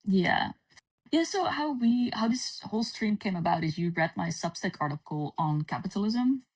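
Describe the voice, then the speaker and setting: A Dutch woman from the Netherlands with a medium-pitched voice joins a livestream as a guest for a casual chat. She talks in a relaxed way with frequent pauses, and the stream audio is distant, with a cave-like echo on her voice.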